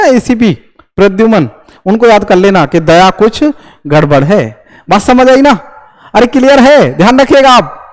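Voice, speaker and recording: A young man with a strikingly high voice teaches a grammar lesson. He keeps asking his students questions and answering them himself, checking again and again that they follow. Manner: lively, repeats checks like "understood?". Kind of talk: classroom lecture.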